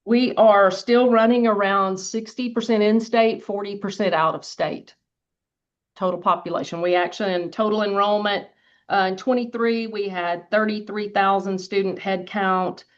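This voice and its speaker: A woman's voice: mid-range voice, steady tone, moderate pace. A woman in her sixties with a West Texas twang, a university official speaking informally as she answers questions at a hearing. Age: 60s. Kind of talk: informal spoken testimony. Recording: dull, lo-fi meeting audio.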